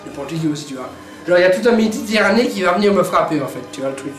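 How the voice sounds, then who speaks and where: A man's voice: high voice, animated, racing, reverberant, soft background music. A young man chatting casually and jokily as a vlogger going over comments on his own videos. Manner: chatty, jokey, repeats words. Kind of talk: casual vlog chat.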